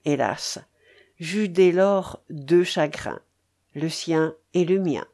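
A woman reading a novel aloud in a measured, mournful way. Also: deep voice, mellow. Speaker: reader. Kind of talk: literary audiobook narration.

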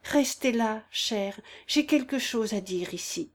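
A woman's voice: a little high, animated, slow pace, exaggerated voice. Lady reading as a sick old guy, shaky and breathless, stammering tender words. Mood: faltering, tender. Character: frail sick old man, tearful and timid.

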